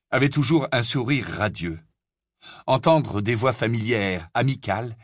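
A man narrating an audiobook in a measured storytelling manner, slightly husky. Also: medium pitch, fairly bright tone, no room sound, clean studio sound.

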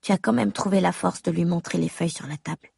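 Woman reading a story in first person, really gravelly and husky, measured and intimate, dry close mic. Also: lowish voice, darkish tone, dry recording. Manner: measured, intimate, addressing the mother. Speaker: audiobook narrator. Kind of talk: first-person audiobook narration.

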